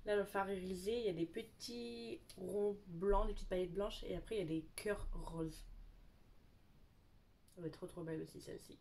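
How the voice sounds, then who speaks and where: Young woman beauty vlogger, casual show-and-tell chat, gushing and repetitive, mid-pitched voice, noisy recording with clicks. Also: fairly even intonation, moderate pace, gravelly, darkish tone. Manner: chatty, gushing, repeats words for emphasis.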